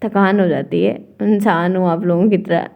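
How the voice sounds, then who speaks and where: A young woman teaching an exam-prep grammar lesson, talking slowly and patiently with a tired, strained throat and frequent check-ins with her viewers. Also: lowish voice, steady tone, gravelly, narrow, tinny audio.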